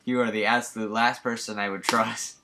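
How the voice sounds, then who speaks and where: A man's voice: lowish voice, flat delivery, a little fast, background noise, lightly acted. A man voicing an uptight, irritable teenage girl top student who speaks in a stern, scolding way. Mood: disgusted.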